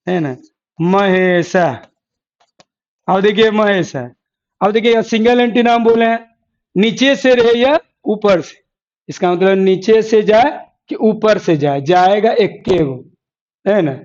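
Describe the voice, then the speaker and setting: A man's voice: sits high, slow, long pauses, a little mellow. A man teaching an exam-prep lesson who keeps asking the class questions, answering them himself, and repeating key terms. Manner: repetitive, asks and answers own questions. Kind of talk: classroom lecture with board examples. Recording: dull lo-fi classroom recording.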